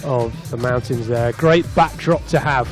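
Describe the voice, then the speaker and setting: A man's voice: mid-range voice, unhurried, faint music behind. A man commentating live on a rugby tens match from the stand of an open stadium, chatty between plays and lifting when play breaks open. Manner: chatty, rising excitedly on breaks.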